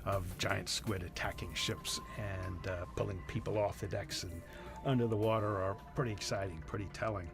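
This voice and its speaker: A man's voice: low-pitched, fairly even intonation, normal speed, gravelly. A man explaining as an expert interviewee in a nature documentary. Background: background music.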